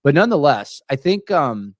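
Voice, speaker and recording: A man in his late thirties, co-hosting a podcast in casual chat, animated and stumbling over repeated words as he talks. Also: on the high side, normal speed, no echo, clean studio sound. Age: 30s. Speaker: podcast co-host.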